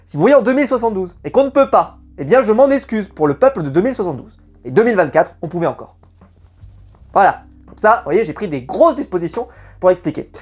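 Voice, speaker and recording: A woman's voice: medium pitch, very animated, quick pace, a little mellow, breathy edge. A woman giving a casual, opinionated video review of a TV show, chatty and full of hesitations. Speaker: YouTube reality-TV reviewer.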